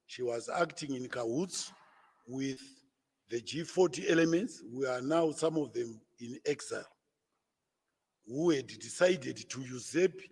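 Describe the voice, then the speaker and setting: A man, a party spokesman, answering reporters at a press conference in a deliberate, lecturing way with stammered restarts. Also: medium pitch, gravelly, breathy edge, long reverb tail. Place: conference room.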